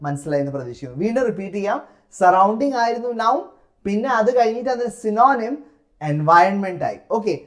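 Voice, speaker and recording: A man's voice: high voice, expressive, fast, a bit bright. Malayali-accented man coaching an English test. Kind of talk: classroom-style lesson.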